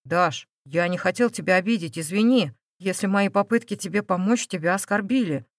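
A calm, caring man in his thirties speaks softly and reassuringly, voiced a little lower by a woman reading an audiobook. The recording is dry and close, with no room sound. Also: brisk, no room sound, close to an everyday voice. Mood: gentle. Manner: gentle, reassuring. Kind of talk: audiobook character voice.

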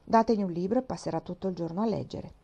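A woman reading the part of a good-humored young country gentleman, speaking with jovial emphasis in a mellow voice. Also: lowish voice, fast talker, highs cut off.

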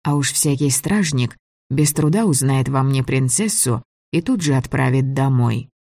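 An audiobook reader narrating a first-person fantasy story in an even, measured way. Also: medium pitch, no room sound.

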